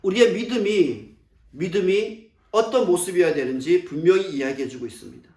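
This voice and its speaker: A high-voiced male pastor preaches in a sermon style, posing rhetorical questions and acting out the lines he quotes. He sounds distant from the mic, in a church with lots of echo. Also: expressive, fairly quick, a little mellow. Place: church sanctuary.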